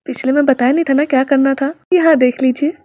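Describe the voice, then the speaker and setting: A woman's voice: high-pitched, steady tone, fast, no echo, muffled recording. A woman reading a fan-fiction romance aloud as a storyteller, chatty and speaking straight to her listeners. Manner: chatty, addresses listeners directly.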